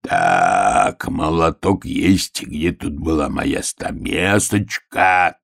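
A man reading it as a greedy storybook wolf, sly and drawling. The voice is low and gravelly, husky at the edges. He takes his time over every word. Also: sing-song, fairly bright tone, no echo, clean studio sound, full character voice. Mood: gloating drawl. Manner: slow, drawling, gloating. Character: greedy sly male wolf, sings and gloats.

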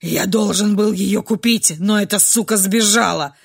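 A woman voicing a menacing, beastly man who is a furious rival buyer, speaking in a rough, growling voice, slow and forceful. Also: medium pitch, pitched below the performer's own voice, heavily acted.

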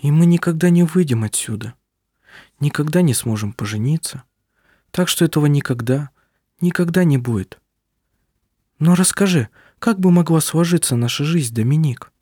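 A man's voice: animated, moderate pace, mellow, no room sound, studio quality. A man voicing spirited young woman Viljamu. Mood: wistful. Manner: raised pitch, emotional and pleading.

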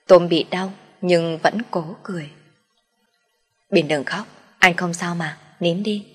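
A woman narrating a family story in the first person, in a soft, mournful storytelling manner. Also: on the low side.

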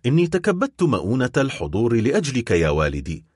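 A man's voice: medium pitch, wildly swooping pitch, fast talker, husky, dry recording, studio quality. A man voicing a tense, alarmed young male prosecutor in an audiobook, confronting his father. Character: anxious young male royal prosecutor, the son. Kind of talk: audiobook character reading.

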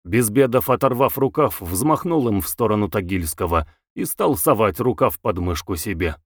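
A man narrating a novel in an expressive literary reading. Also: fairly low pitch, moderate pace, no room sound, clean studio sound. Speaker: audiobook narrator. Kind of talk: scripted narration.

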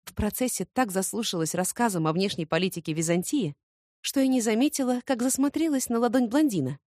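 A woman narrating an audiobook in first person, expressive and ironic. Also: medium pitch, brisk, no echo, clean studio sound.

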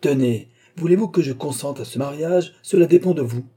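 A man voicing a domineering husband who sneers and shouts at his wife, in a dark, husky voice. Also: mid-range voice, moderate pace, pitched above the performer's own voice, close to an everyday voice. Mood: sneering.

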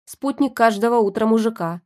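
A gruff, sarcastic husband trapped in his wife's body, as a woman reads him in an audiobook. He talks bluntly and loudly, with a mocking edge. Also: a little high, brisk, lightly acted.

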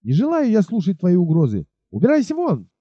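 A man's voice: huge pitch swings, a little fast, husky, no echo, highs cut off, full character voice. A man voicing a scornful young peasant girl. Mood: outraged. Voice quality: raised to a high girlish pitch. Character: spirited young peasant woman, proud and defiant. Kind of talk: audiobook character voice.

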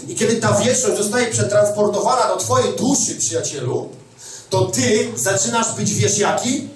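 A pastor preaching a sermon, emphatic and conversational, often repeating words for stress. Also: male voice, sits high, moderate pace, faint music behind. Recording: echoey hall, mic at a distance.

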